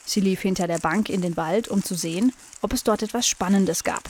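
A woman calmly reading a children's story aloud as narrator. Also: medium pitch, a little fast, a little hiss or hum. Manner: calm, clear storytelling.

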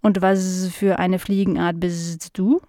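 A woman doing a slow, forgetful male house fly. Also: fairly low pitch, level tone, mellow, no room sound, clean studio sound. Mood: puzzled. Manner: very slow, drawn-out, puzzled.

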